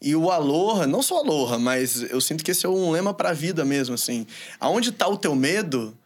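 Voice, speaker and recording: A man's voice: a little high, lively intonation, fairly quick. Reflective man, casual podcast host. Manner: reflective, draws on symbols and psychology.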